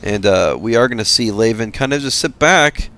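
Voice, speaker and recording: A man giving casual commentary on a strategy game replay, tired and halting, with many fillers. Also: medium pitch, expressive, pushed and bright. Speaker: game caster.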